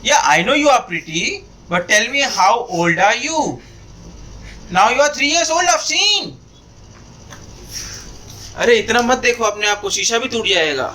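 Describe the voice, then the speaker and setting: A man's voice: extremely high pitch, animated, extremely slow, long pauses, pushed and bright, slight background noise. Playful Indian father coaxing a toddler. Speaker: father filming a birthday. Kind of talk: casual family home video.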